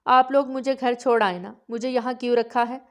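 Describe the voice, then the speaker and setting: A woman's voice: fairly high pitch, fairly even intonation, close to an everyday voice. A woman narrator voicing a playful, spoiled young woman held captive, by turns chirpy and shy, in an audiobook. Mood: timid. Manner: chirpy, cheeky.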